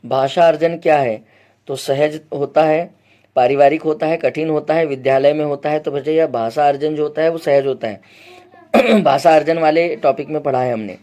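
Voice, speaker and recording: A male teacher giving an exam-prep lecture, explaining point by point, quizzing his students with repeated questions and often clearing his throat. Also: on the high side, normal speed, mellow.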